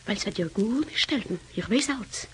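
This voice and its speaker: A woman's voice: mid-range voice, animated, brisk, a little hiss or hum, lightly acted, poor audio. An actress playing an anxious young woman who confronts her sister in secret, in 1930s Yiddish radio drama style. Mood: pleading. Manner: hushed, urgent pleading.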